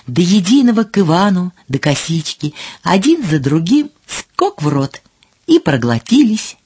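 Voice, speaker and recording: A woman reading a children's fairy tale in a slow, expressive storytelling manner. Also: on the low side.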